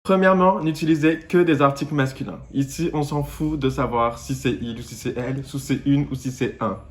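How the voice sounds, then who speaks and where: A man's voice: medium pitch, steady tone, brisk, soft background music. A man from Réunion giving a comedic vlog monologue in a playful, camp, theatrical way. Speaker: YouTuber.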